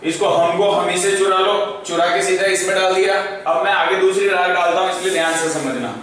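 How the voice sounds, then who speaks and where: High-voiced male teacher in an echoey room. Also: fairly even intonation, a bit bright. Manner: chants grammar forms in a slow sing-song tune; checks in often with "okay?". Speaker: school teacher. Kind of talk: classroom lecture with sung chanting. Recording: very echoey, far from the mic, faint noise.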